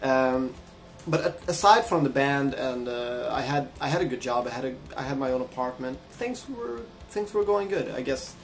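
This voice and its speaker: A man's voice: medium pitch, expressive, normal speed, a little hiss or hum. A man from Sweden, telling a personal story in a casual, reflective vlog. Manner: reflective, chatty. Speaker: vlogger and guitarist.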